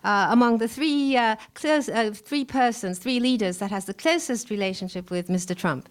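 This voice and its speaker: Woman interpreting live, halting delivery. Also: on the high side. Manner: halting, pausing often mid-phrase. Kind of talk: live consecutive interpreting into English. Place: press briefing room.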